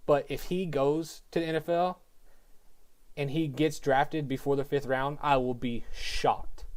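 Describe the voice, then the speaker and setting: A man's voice: fairly high pitch, fairly even intonation, measured pace. A young man giving a frustrated, exasperated rant about his college football team, often repeating himself and restarting sentences. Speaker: sports fan vlogger. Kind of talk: ranting sports commentary.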